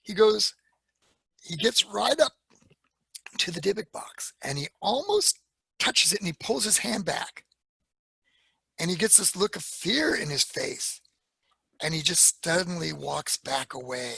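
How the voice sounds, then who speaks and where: A man telling a story to a library audience, his voice heavily gravelly and husky, with a bright, forceful edge. His pitch swings widely as he acts out the people he quotes, and the sound is close and dry. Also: measured pace, long pauses, dry recording. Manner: animated retelling with quoted voices and fillers. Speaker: speaker giving a library talk. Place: public library talk.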